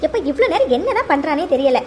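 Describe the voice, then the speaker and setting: A high-pitched, fussy mother figure in a homemade cartoon, voiced by a woman. She nags and frets without letup. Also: sing-song, fast talker, a little hiss or hum. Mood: impatient. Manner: nagging, fussy. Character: impatient, fussing middle-aged mother.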